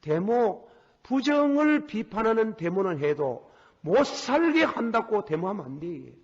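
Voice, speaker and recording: An older man preaches in a broad Gyeongsang accent, blunt and animated, dropping to a murmur and then bursting out loud. His voice sits high and sounds husky. The recording is dull and lo-fi, with a long reverb trailing through the hall. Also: unhurried. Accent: Gyeongsang Korean. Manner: animated, swings from soft murmurs to loud outbursts; blunt, laughs at his own stories. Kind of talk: folksy sermon storytelling.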